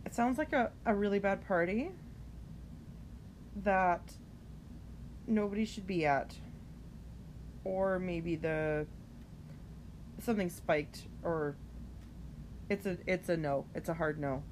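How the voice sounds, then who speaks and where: A woman's voice: fairly low pitch, takes it slowly, long pauses, darkish tone, slight background noise. A woman hosting a late-night solo podcast, tired and yawning, rambling in a chatty, self-deprecating way. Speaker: podcast host. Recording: home recording, phone held up for clip.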